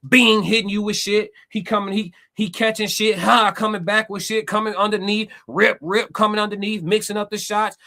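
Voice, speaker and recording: A high-voiced American man commentates on boxing for a live stream. He is emphatic and excitable, repeating phrases for punch and swearing freely. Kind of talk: excited blow-by-blow fight commentary and casual chat.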